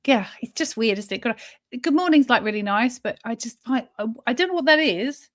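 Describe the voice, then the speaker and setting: A woman's voice: on the high side, animated, fairly quick, no room sound, studio quality. A woman hosting a live podcast in casual chat, talking frankly and swearing freely, laughing often. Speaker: podcast host and founder.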